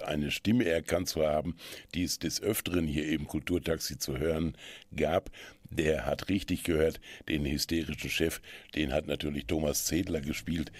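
A man presenting a community radio magazine in a calm, measured manner. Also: a bass voice, no echo. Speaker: radio host. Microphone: studio microphone.

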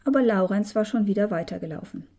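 Soft-spoken woman reading a story. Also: medium pitch, fast talker. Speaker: narrator. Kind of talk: storybook narration.

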